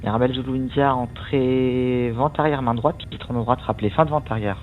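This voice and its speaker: A man's voice: mid-range voice, fairly even intonation, moderate pace. Male tower controller on tinny radio. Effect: aviation radio transmission. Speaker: air traffic tower controller. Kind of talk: air traffic control radio phraseology. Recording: tinny radio band with faint noise.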